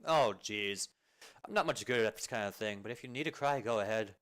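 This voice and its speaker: A man voicing a rough, big-hearted young male fighter who talks loudly and bluntly as he comforts. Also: lowish voice, a little fast, lightly acted. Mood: comforting. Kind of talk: amateur video game fan dub.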